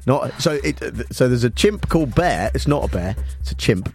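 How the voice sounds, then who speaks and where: A man's voice: medium pitch, sing-song, moderate pace, a little mellow, slightly rough, faint music behind. A British man hosting casual comic radio chat, rambling and insistently repeating himself. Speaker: radio host. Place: radio studio.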